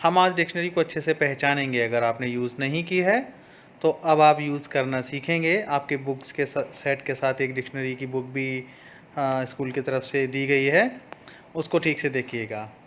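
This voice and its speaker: A man's voice: medium pitch, normal speed, a bit bright, a little hiss or hum. A man teaching a young class in a lesson video, explaining patiently and reading English lines aloud. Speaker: school teacher.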